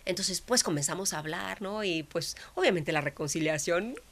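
A woman, a guest telling a personal faith story with lively acted-out dialogue. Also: on the low side, moderate pace, slight background noise. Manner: expressive, acts out dialogue, drops to whispers. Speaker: guest sharing a faith testimony.

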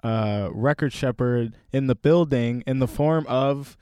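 A man's voice: mid-range voice, unhurried, darkish tone, clean tone, no room sound, studio quality. A man co-hosting a podcast in casual chat, playful and jokey. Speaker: podcast co-host. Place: small podcast studio.

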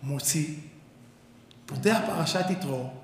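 A man, a rabbi, teaching students a Torah lesson as an animated storyteller who bursts into emphatic near-shouts. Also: on the high side, a little hiss or hum. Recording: echoey hall with long reverb.

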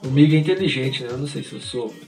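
A man's voice: mid-range voice, fast talker, creaky, recorded from a distance, faint music behind. A man in casual podcast chat among friends, talking with animation and laughing often. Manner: animated, laughs often, lists favourite characters. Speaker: podcast co-host.

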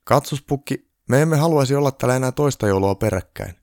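A man's voice: medium pitch, expressive, darkish tone, no echo, clean studio sound, voice pushed up, natural voice. A man voicing a homesick male cosmonaut who speaks mournfully. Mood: sad. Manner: mournful and pleading.

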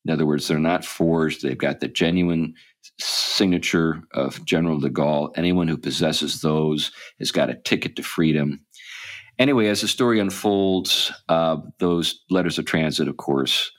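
A man's voice: extremely low pitch, moderate pace. A man hosting a podcast, talking casually and rambling with many ums and restarts. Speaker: podcast host. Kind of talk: casual chat.

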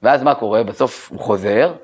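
A man's voice: fairly low pitch, darkish tone, breathy edge. A man, a rabbi, giving a spoken Torah lesson to a group, talking conversationally, asking rhetorical questions and checking in with his listeners. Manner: conversational, uses casual fillers. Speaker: rabbi teaching a class.

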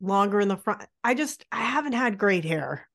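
A woman's voice: medium pitch, lively intonation, normal speed, fairly bright tone. A woman in her late forties talks casually as a podcast co-host. She is candid and self-deprecating, and her talk is loose and full of fillers. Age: 40s. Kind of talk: casual chat.

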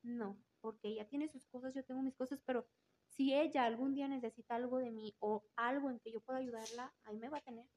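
A woman's voice: a little high, steady tone, fairly quick, a little mellow, a little hiss or hum, rough recording. A woman with a Mexican Spanish accent telling a personal story in an interview, candid and casual, swearing freely and repeating words for emphasis. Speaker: interview guest.

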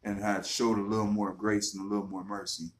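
A man's voice: lowish voice, level tone, fairly quick. Man talking in an echoey garage. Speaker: podcast co-host. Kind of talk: casual chat. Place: home garage.

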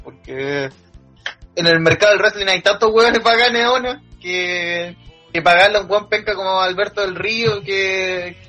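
High, bright-voiced Chilean man. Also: moderate pace, faint music behind. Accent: Chilean Spanish. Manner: opinionated, blunt and swearing. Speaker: podcast co-host. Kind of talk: casual chat about wrestling.

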